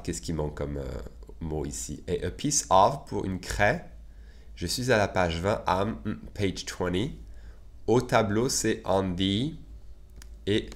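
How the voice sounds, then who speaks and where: Teacher drilling English phrases. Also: male voice, low-pitched. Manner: conversational, many filler "euh"s. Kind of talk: bilingual English lesson in French.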